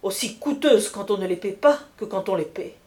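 A woman's voice: mid-range voice, expressive, moderate pace, warm tone, lightly acted. A woman voicing a jealous aristocratic countess in an audiobook reading, cold and disdainful.

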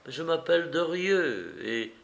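A man's voice: fairly high pitch, sing-song, measured pace, gravelly, a bit bright, pitched above the performer's own voice, full character voice. A man voicing a proud, stern noblewoman, speaking solemnly and resolutely. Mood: proud resolve.

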